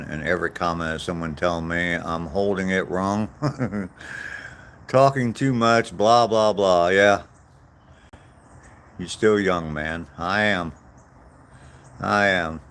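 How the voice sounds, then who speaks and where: A sixties-aged vlogger strolls outdoors, reading live chat and replying to viewers in a meandering, self-deprecating ramble. His deep, fairly bright voice stays steady and unhurried, broken by long pauses, and a little hiss or hum sits under the recording.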